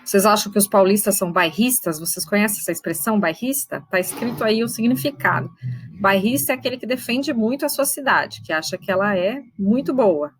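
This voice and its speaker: A woman teacher giving an online literature lesson, patiently explaining and slowly sounding out syllables. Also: mid-range voice, low-quality recording. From Brazil. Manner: patient, explains step by step, checks in with students.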